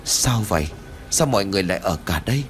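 A man's voice: mid-range voice, normal speed, faint music behind, pitched above the performer's own voice, close to an everyday voice. A man voicing a frightened, injured old village man who stammers and sounds bewildered in a horror audiobook.

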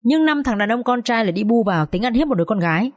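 A woman's voice: a little high, lively intonation, fast. A woman voicing a grim, angry young man who curses harshly in an audiobook story. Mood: cold fury. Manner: harsh, cursing, cold anger. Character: young man, grim and furious, hard-edged.

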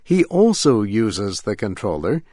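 A man narrating a scripted news program, reading deliberately and with care. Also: lowish voice, big pitch swings, dark tone, breathy edge, no echo, clean studio sound. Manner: deliberate, carefully paced reading.

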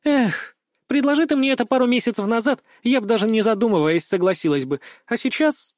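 A bubbly, teasing teenage schoolgirl, as a male narrator puts her on, lifted high above his own voice. She fires off questions in a bright, playful rush. The recording is close and dry. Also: no echo. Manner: teasing, rapid-fire questions. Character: chatty cheeky teenage schoolgirl.

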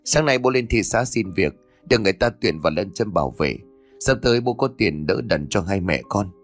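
A man voicing a remorseful middle-aged father, low and earnest, close to his own voice. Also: lively intonation, a little fast, faint music behind. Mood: gruff kind.

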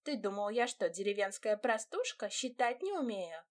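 A woman's voice: mid-range voice, very animated, normal speed, lightly acted. A woman reading an audiobook, voicing a cheeky, grasping peasant girl who talks boldly and shrilly.

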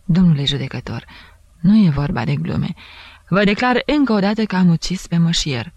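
A man's voice: fairly high pitch, lively intonation, darkish tone, no echo, dull audio. A woman reading the part of a pale male doctor who confesses in a solemn, formal voice. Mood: grave, solemn.

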